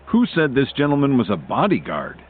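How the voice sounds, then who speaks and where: A man's voice: mid-range voice, very animated, brisk, slight background noise, voice pushed up. A man voicing a stern, commanding male hotel security chief who scolds staff, in an audiobook with tinny phone-like audio. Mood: scolding. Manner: brusque, scolding. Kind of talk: audiobook character voice.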